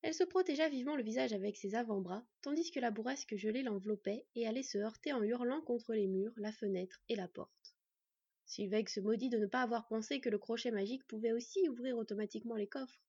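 A woman reading a fantasy novel aloud in an expressive storytelling way, in a dull, dry recording. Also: fairly high pitch, brisk, vocal fry, slightly rough, no echo. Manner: expressive storytelling, acting out the characters. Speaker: audiobook narrator.

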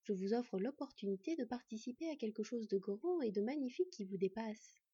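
A woman voicing a cunning male hunter who lures his prey with slow, mocking, honeyed words, in an audiobook reading. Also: on the high side, lively intonation, mellow, slightly rough, no room sound, lo-fi sound. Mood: coaxing. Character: sly cunning male hunter villain, smooth-talking.

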